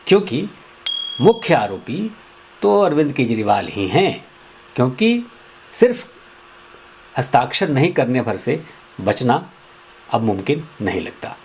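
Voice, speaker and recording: Guy doing a political rant to camera, punchy and accusing, bit of faint hiss behind. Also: fairly low pitch. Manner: accusatory, emphatic, rising on key words. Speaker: political commentator. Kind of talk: opinion monologue to camera.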